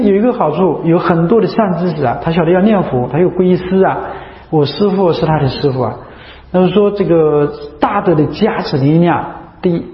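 Male monk, dharma talk; repeats himself, keeps asking the room questions; roomy, echoing hall sound. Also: fairly high pitch. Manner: chatty, repetitive, rhetorical questions. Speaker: Buddhist monk teaching. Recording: echoey hall, dull lo-fi sound.

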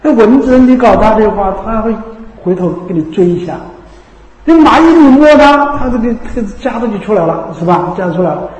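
A man's voice: high voice, lively intonation, a little fast, a little mellow, lo-fi sound. A man teaching as a Buddhist preacher, repeating himself and asking rhetorical questions to check that listeners follow. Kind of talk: Buddhist sermon. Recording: echoey hall reverb.

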